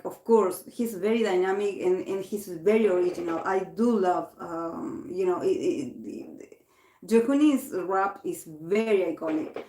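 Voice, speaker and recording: She hosts a tarot livestream from Argentina, speaking casual English though Spanish is her native tongue, with a voice on the low side and a little mellow. Comments get read aloud, restarts are frequent, and the sound carries a roomy echo.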